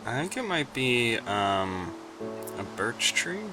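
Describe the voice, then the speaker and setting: A man's voice: mid-range voice, very animated, slow pace, bright, forceful tone, soft background music. A young man co-playing a game, answering in short, laid-back replies. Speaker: co-player. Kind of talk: casual gameplay chat.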